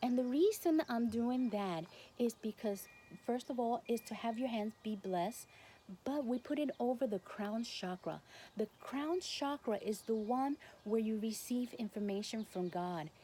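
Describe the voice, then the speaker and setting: A woman with a Spanish accent gives guided spiritual instruction to the camera as a Reiki teacher, speaking non-native English in short, halting phrases. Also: fairly high pitch, animated, mellow. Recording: noticeable background noise.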